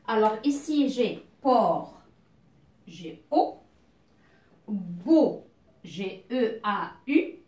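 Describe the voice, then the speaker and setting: A woman teaching a beginner reading lesson, patient and methodical, drawing out each word clearly and asking herself questions aloud as she goes. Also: medium pitch, animated, a little mellow, reverberant, far from the mic. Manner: draws out words slowly and clearly.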